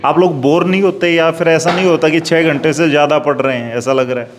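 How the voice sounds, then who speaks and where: A man's voice: on the high side, fairly even intonation, a little fast, noisy background. A man working as a local news reporter, conducting an on-location interview with brief prompting questions and friendly interjections.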